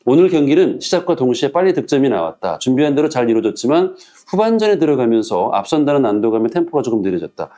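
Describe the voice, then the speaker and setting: A man's voice: mid-range voice, quick pace, hardly any pauses. A man hosting a football talk show, reading out a coach's post-match remarks and steering the discussion. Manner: reads out coach's remarks, steady. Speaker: show host.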